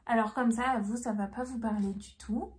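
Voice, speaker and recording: A woman's voice: fairly high pitch, steady tone, normal speed. A young woman, chatting enthusiastically about her knitting purchases in a casual vlog. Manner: chatty and enthusiastic, many fillers. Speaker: knitting vlogger. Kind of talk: casual haul video.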